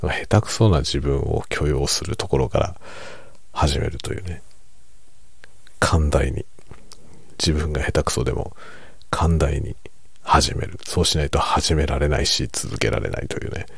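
Very deep, hushed, gravelly middle-aged man. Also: no echo. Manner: hushed, unhurried, musing, self-deprecating; relaxed monologue while drinking alcohol. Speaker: streamer. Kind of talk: late-night quiet casual chat.

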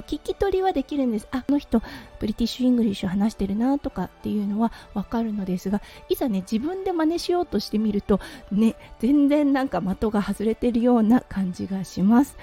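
Mellow-voiced Japanese woman podcast host. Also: a little high, husky. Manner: chatty, frequent "ne" and "hai" fillers. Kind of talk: casual solo radio talk. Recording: faint music behind.

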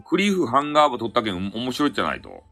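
A man's voice: medium pitch, wildly swooping pitch, very fast, vocal fry, fairly bright tone, faint music behind. A man with a Hakata dialect hosting a casual solo live audio chat, rambling and correcting himself, with chuckles along the way. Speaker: live audio stream host.

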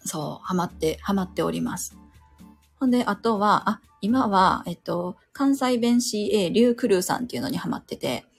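A woman in her thirties with a Kansai accent chats on her own, rambling and poking fun at herself. Her voice is a little husky, and her pitch swings widely. Faint music plays under her talk. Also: lively intonation, moderate pace. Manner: rambling, self-deprecating, loses her train of thought. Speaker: podcast host, stay-at-home mother. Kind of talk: casual solo chat.

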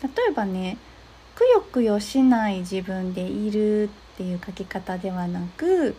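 A young woman hosting an advice talk, explaining steps gently with frequent soft agreeing fillers. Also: medium pitch, very animated, unhurried, husky. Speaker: podcast host giving advice to therapists.

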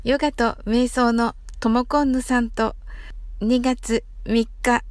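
A woman hosting a solo audio English lesson, speaking politely and spelling words out slowly letter by letter. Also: fairly high pitch, fairly even intonation, no echo. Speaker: English teacher and podcast host.

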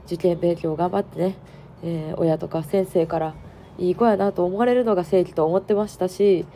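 Kansai woman chatting solo on her podcast, hoarse n stuffy nose, lowish voice, lots of um and well. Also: steady tone, normal speed, mellow, a little hiss or hum. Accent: Kansai Japanese. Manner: chatty, frank, many fillers. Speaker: podcast host. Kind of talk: casual solo podcast talk.

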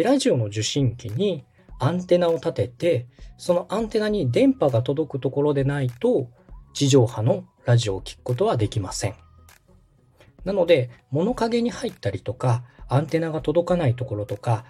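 With soft music playing behind him, an Osakan man in his thirties hosts a podcast, taking his guest through the essentials step by step with politeness and patience. He is a radio director and podcast host giving explanatory talk at normal speed, his voice mellow, a bit husky, and lively in pitch.

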